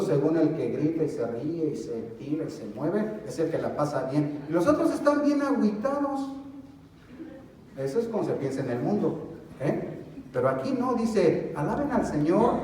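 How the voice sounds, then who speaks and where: A man preaches to his congregation, his voice sitting high for a man. He is lively and theatrical, acting out little household scenes and calling for responses. The sound is very roomy and distant, with faint ambience behind him. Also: slight background noise. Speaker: pastor. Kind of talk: sermon. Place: church sanctuary. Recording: echoey church hall, voice from afar.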